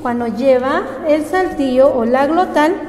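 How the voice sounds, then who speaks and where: A woman's voice: high-pitched, a little slow, darkish tone. A woman teaching a language lesson, carefully sounding out letters and their sounds one at a time. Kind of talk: slow spoken lesson. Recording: echoey room with long reverb and faint music.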